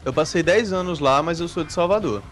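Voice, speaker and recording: A man's voice: a little high, brisk, over music. A man with a Brazilian accent chatting casually on a podcast, explaining things in an easygoing way. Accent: Brazilian Portuguese. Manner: easygoing, explains with filler "tipo". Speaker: podcast guest, site team member.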